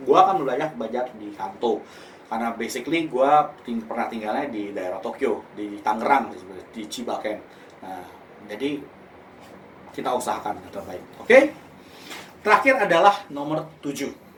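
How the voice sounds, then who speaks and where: Lively man teaching Japanese words. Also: normal speed, a little hiss or hum. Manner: repeats words with exaggerated pitch, slips into slang. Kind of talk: casual language lesson. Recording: echoey room, mic at a distance.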